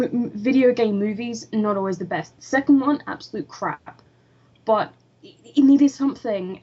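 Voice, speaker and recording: A woman's voice: medium pitch, a little mellow, breathy edge. Woman, podcast co-host, sarcastic rants, dull lo-fi sound. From United Kingdom. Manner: sarcastic, ranting. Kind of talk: casual podcast chat. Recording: dull lo-fi with faint noise.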